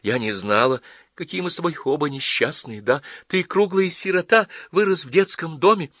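A man reading an audiobook voices an angry, tearful teenage girl in high, shrill outbursts. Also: normal speed, a bit bright, no room sound, clean studio sound. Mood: agitated chatter.

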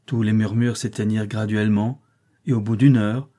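Dark husky male audiobook narrator. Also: fairly low pitch, little pitch movement. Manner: measured, dramatic reading. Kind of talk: scripted narration.

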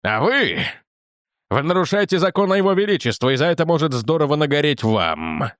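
A man voicing an angry, boastful male guard who shouts and speaks with theatrical scorn. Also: on the high side, sing-song, fairly quick, no echo, clean studio sound. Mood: scornful.

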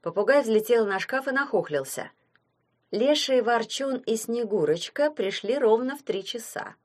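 Expressive woman storybook narrator, lively melody. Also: a little high, moderate pace. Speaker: reader.

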